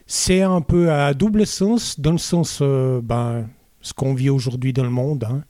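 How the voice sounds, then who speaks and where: A middle-aged Swiss man with a Vaud French accent, a musician guest, chats casually in an interview, using many hesitant fillers. His medium-pitched voice is warm and a little slow, recorded cleanly in a studio with no room sound.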